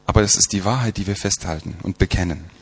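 A man preaching a sermon, emphatic, asking rhetorical questions and slowing down to stress quoted scripture. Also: deep voice, husky.

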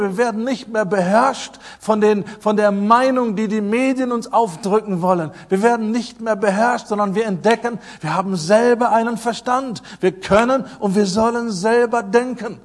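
A man with a notably high voice preaches a sermon, hammering home key phrases by repeating them. He surges loud on his main points, then drops into quiet, low asides. He sounds middle-aged. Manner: emphatic, repeats key phrases, swings between loud and soft.

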